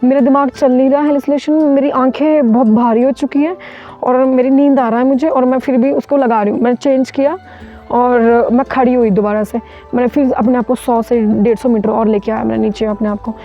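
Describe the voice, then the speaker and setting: In an interview, a mountaineer from India vividly and urgently relives an ordeal, restarting her sentences often. Her voice is on the high side, fairly quick, with fairly even intonation. Faint music plays under a dull, lo-fi recording.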